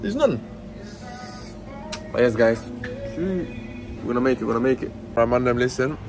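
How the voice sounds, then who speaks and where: A man's voice: medium pitch, a little fast, over music. A man with a London roadman accent vlogging casually on a road trip, using heavy street slang and repeating short phrases for emphasis. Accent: London roadman, multicultural street slang. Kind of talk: casual road-trip vlog chat to viewers. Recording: noisy car and street ambience.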